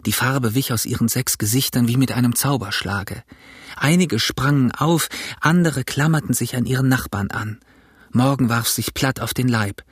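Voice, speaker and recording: A man narrates an adventure novel in a steady, measured way. His voice has a husky edge. The recording is dry and close, with no room sound. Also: mid-range voice, no echo. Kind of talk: audiobook reading.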